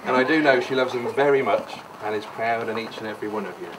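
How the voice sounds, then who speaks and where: Faint music plays behind a man of medium pitch speaking at a quick pace during a wedding reception. As the bride's brother, he gives a rambling best-man-style speech, jokey, mock-sincere and full of digressions, captured in a noisy, distant live room recording.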